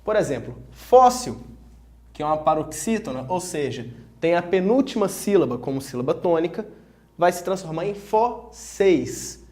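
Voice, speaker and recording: High-voiced man teaching grammar. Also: big pitch swings, darkish tone. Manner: clear, didactic, spells out examples slowly. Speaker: Portuguese teacher. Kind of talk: online grammar lesson.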